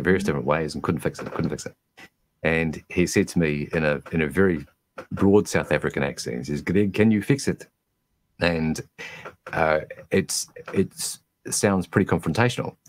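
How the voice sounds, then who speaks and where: A man, a guest on a video call, telling a reflective story in a measured way with frequent restarts. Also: very deep voice. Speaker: guest, virtual MC.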